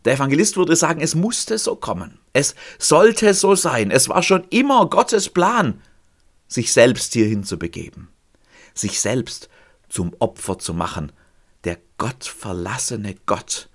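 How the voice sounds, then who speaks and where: A man preaching a sermon, swinging between loud cries and hushed, almost whispered lines. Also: medium pitch.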